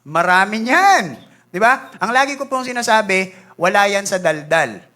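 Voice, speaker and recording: Male Filipino pastor, lively sermon delivery, slightly high and bright voice. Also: moderate pace. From Philippines. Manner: animated preaching, mixing Tagalog and English, voicing church members. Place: church sanctuary.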